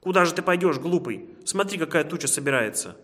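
A grumbling, envious crow from a children's tale, loud and raised in pitch, cawing as she scolds, as a man puts her on. The voice rings out in an echoey room. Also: animated, quick pace. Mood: grumbling scolding.

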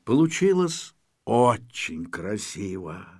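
A man narrating a children's storybook in an unhurried, expressive reading. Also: lowish voice, husky, no echo, studio quality. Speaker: audiobook narrator. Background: faint guitar music.

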